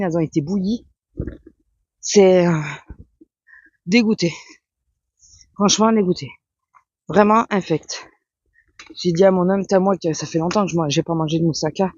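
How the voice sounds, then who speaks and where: A woman's voice: fairly low pitch, a little mellow, no room sound. Chatty woman vlogger, rambling. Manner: rambling, chatty, many fillers. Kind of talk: casual chat. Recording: dull lo-fi sound.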